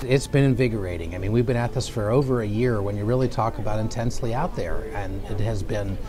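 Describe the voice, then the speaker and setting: Low-voiced American man, earnest political campaigner. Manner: earnest, emphatic, halting with repeated words. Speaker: political candidate on the campaign trail. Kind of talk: unscripted political campaign talk.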